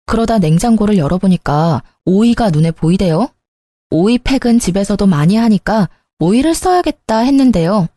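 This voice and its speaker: A woman narrates a first-person family story in a chatty, confiding way. Her voice is mellow and warm, at a middle pitch. The recording is dry and close. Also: no room sound.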